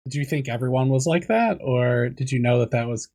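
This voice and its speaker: A man's voice: mid-range voice, a little fast, vocal fry, darkish tone. A man interviewing casually, asking probing follow-up questions in a chatty, inquisitive way.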